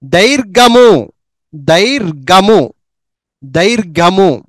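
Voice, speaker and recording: A man teaching reading who says each word slowly two or three times and adds quick asides on how to practise. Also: sits high, expressive, a bit bright, dry recording. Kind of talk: slow spelling and pronunciation drill.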